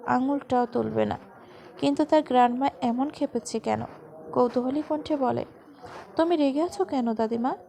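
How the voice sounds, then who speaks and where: A woman narrating a romantic family story as a storybook reading in a steady, even manner. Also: a little high, gravelly.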